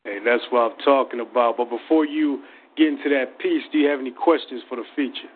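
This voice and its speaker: A man's voice: mid-range voice, steady tone, fairly quick, husky. A man hosting a casual call-in radio show in a slangy, encouraging way. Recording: narrow phone-like radio stream.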